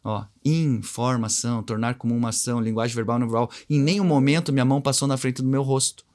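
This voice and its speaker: A man's voice: mid-range voice, fairly even intonation, quick pace, darkish tone. Didactic Brazilian man explaining. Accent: Brazilian Portuguese. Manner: didactic, plays with his own intonation and contrasts while explaining; acts out short dialogues to give examples. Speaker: communication and NLP trainer, guest. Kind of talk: explanatory interview talk.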